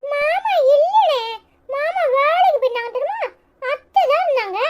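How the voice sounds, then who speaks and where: A woman's voice: lively intonation, normal speed, dull audio. A woman voicing a sulky, tearful little boy in a Tirunelveli Tamil accent for a cartoon. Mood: cheerful. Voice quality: very high, childlike. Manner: whiny pleading, near tears. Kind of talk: cartoon comedy voice acting.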